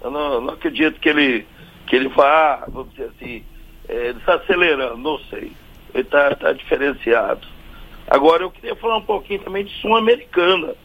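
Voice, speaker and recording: A man's voice: a little high, animated. Hesitant Brazilian man on lo-fi radio line. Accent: Brazilian Portuguese. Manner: halting, stops and restarts often. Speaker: sports radio commentator. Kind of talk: radio sports talk.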